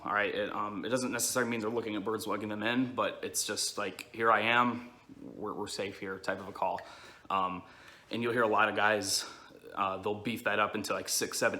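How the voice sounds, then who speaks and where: Male, lowish pitch with a bright edge, casual tutorial delivery, plain-spoken explainer. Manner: informal, explanatory, frequent check-ins like "okay" and "all right". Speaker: duck-calling instructor.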